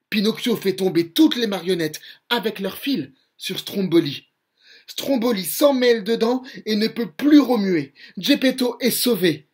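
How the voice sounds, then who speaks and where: A man reading a children's story aloud with lively expression, then signing off with soft casual chat. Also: sits high, slight background noise. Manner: lively expressive reading, softer chatty sign-off.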